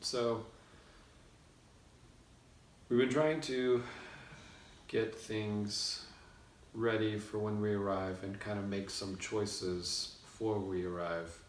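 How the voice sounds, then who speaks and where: Slow-talking man in an echoey room. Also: lowish voice, fairly even intonation. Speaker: co-host of a couple's video blog. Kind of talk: casual video blog chat. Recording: echoey room, distant mic, faint noise.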